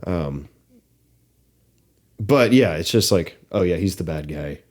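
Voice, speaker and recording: A young adult man co-hosting a podcast, talking casually about a movie with many pauses, fillers and restarts. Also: low voice, lively intonation, a little mellow. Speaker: podcast co-host.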